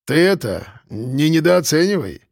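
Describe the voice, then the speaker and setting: A man's voice: on the high side, very animated, measured pace, no room sound, clean studio sound, full character voice. A male narrator voicing a stern man of about fifty who gives orders in a strict, habitual tone. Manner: strict, commanding. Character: stern man around fifty, caretaker type. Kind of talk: audiobook character voice.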